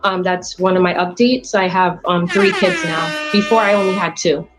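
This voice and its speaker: A woman in her late twenties calling into a show, speaking hesitantly with many pauses and ums. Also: on the low side, music in the background. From United States. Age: 20s. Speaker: caller. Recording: dull lo-fi call audio.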